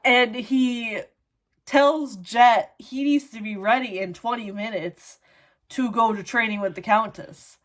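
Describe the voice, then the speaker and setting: A woman's voice: on the high side, slow pace, a bit bright. A woman with a Minnesotan accent, chatting casually through a book review and padding her talk with "like" and "you know". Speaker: book vlogger.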